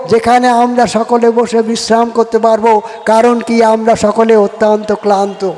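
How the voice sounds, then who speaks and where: A man's voice: extremely high pitch, darkish tone. A man giving a devotional religious discourse, quoting verses and chanting a mantra as he preaches. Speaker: religious speaker. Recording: long hall reverb.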